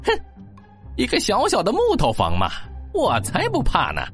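A woman's voice: lowish voice, wildly swooping pitch, a bit bright, soft background music. A woman voicing a boastful, greedy big bad wolf in a children's story, with a sneering, menacing wolf voice. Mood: taunting, boastful. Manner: sneering, menacing wolf voice with drawn-out taunts and exclamations. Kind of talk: children's audio story acting.

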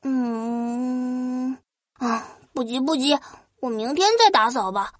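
Lazy whiny young prince for a kids audiobook, really high voice, excitable. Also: male voice, slow pace, dry recording, clean studio sound. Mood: dithering. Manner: whiny, exclamatory, dithering. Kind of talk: children's audio storybook character.

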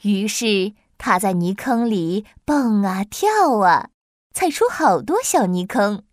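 A woman narrating a children's story in an expressive, lilting way. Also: mid-range voice, slow pace, no room sound, clean studio sound.

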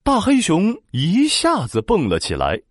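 A man tells a children's story, his pitch leaping widely through every phrase. The sound is close and dry, with no room around it. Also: a little slow, no room sound. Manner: animated, expressive.

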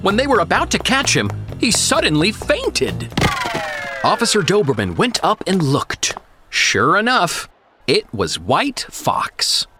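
Dramatic kids' narrator, wide melody, over clear music. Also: mid-range voice, slow pace. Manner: expressive, dramatic. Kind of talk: storybook narration. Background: background music.

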